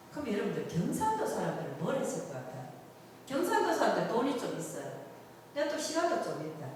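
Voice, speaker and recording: A woman's voice: fairly high pitch, a little hiss or hum. A middle-aged woman, a tour guide giving a humanities lecture and asking the audience questions. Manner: lively, asks the audience questions. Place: lecture hall. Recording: echoey hall, voice from far off.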